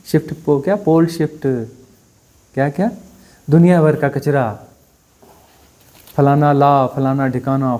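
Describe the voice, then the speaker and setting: A spiritual teacher giving a satsang discourse, talking conversationally and bluntly, often pausing to ask his listeners for agreement. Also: fairly high pitch, dark tone. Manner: conversational, keeps asking "है ना?" for assent; blunt and dismissive, mocking.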